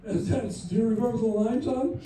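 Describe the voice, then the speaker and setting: A man's voice: very high-pitched, fairly even intonation, brisk, mellow, slight background noise. A man telling rambling, joking anecdotes as a guest at a festival Q&A, recorded from far off in an echoey hall. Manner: rambling, jokey, restarts often. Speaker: panel guest. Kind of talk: anecdotal storytelling at a Q&A. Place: festival screening venue.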